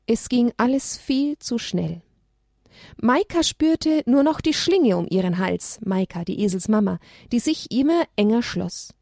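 A woman reads a children's story aloud with a gentle, expressive delivery. Her voice sits a little high. The recording is dry and close, with no room sound. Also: unhurried, vocal fry, dry recording.

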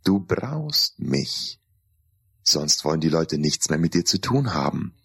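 A man's voice: very deep voice, very animated, takes it slowly, creaky, breathy edge, heavily acted. Man voicing a sinister talking mask. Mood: taunting. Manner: taunting, then dark and threatening. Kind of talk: audiobook character voice.

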